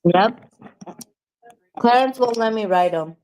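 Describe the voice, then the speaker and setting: A woman with a fairly high voice joining a casual group chat. She speaks slowly and mostly chimes in with short, playful remarks of agreement. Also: darkish tone, poor audio. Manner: quick agreeing interjections, playful. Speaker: chat guest.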